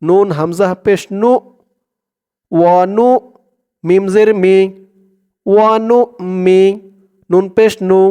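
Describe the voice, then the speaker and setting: A man teaches recitation syllable by syllable, naming each letter and vowel mark and then joining them in a patient, drawn-out chant. His voice sits high for a man and comes through very clear and clean. He moves at an unhurried pace. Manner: calm explanations, quieter and lower than the recitation.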